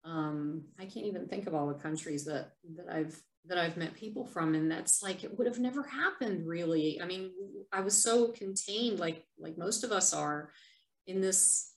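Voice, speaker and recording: A woman reading her own poem and then talking it over in a soft, unhurried, reflective way. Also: on the low side. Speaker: vlogger sharing her poems. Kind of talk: poetry reading and reflective talk. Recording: echoey room.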